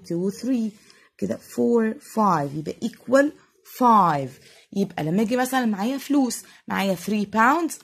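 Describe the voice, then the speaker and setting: Husky Egyptian woman teaching young kids. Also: medium pitch. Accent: Egyptian Arabic. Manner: slow, drawn-out spelling of English words for young pupils. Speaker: primary school English teacher. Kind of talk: recorded classroom lesson.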